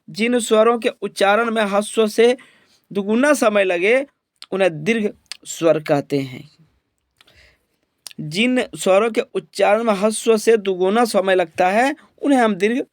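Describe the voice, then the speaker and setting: Man, high voice, teacher, exam prep lesson, asks and answers his own questions, dry close sound. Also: no echo. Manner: repeats each point as a question and answer, "ठीक है?" checks.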